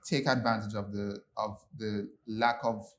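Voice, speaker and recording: A young man from Jamaica speaking on a panel, relaxed, with many ums and restarts. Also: fairly low pitch, measured pace, a little hiss or hum. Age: young adult. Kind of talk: panel discussion.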